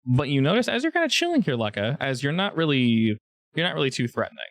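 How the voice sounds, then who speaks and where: A man's voice: medium pitch, quick pace, no room sound. A man narrating a tabletop game as its game master. His voice swings up and down with lots of life, and the sound is dry and close. He laughs easily as he describes what the players find. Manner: animated, laughs often.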